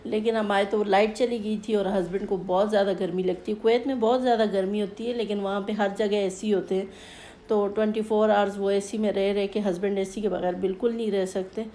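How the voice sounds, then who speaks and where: A woman's voice: medium pitch, fairly even intonation, brisk, warm tone. A woman vlogger narrating her family life in a casual, homely way, probably in her thirties. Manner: chatty, homely storytelling. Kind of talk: casual home vlog narration.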